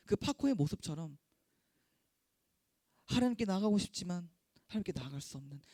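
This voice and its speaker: A young man preaching as a youth pastor, with earnest, repetitive phrasing that swings between hushed and loud. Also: high-pitched, no room sound, clean studio sound. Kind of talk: sermon.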